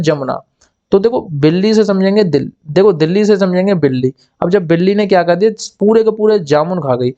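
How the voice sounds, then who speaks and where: In a high voice with a darkish tone, a man coaching students for exams shares memory tricks, repeating key words and asking and answering his own questions. He plays out small scenes in quoted voices, and the audio has its highs cut off.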